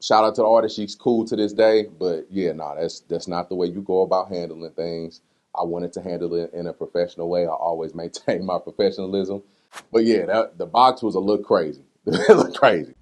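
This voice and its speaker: Speaking a little fast in a deep voice, a man answers personal questions as a candid, easygoing interview guest. He tells stories in slangy, conversational language, animatedly acting out what people said.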